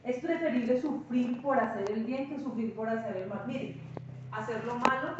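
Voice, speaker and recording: Here a woman pastor with a higher voice teaches from the Bible at an ordinary pace, weaving in anecdotes and vividly voicing the quoted speech of others. Background noise is present, and the distant mic in a very echoey space gives the recording a dull quality.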